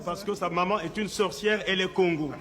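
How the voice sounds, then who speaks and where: A man's voice: sits high, steady tone, fairly quick, long reverb tail, very noisy. A man recounting family stories in a documentary interview. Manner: anecdotal, recounting family lore. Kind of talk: storytelling in a documentary.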